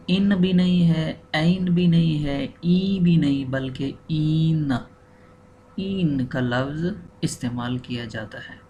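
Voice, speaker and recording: A male teacher, a native Urdu speaker, patiently explaining a language lesson and repeating each word slowly. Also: a little high, warm tone. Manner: patient, repeats and spells out words.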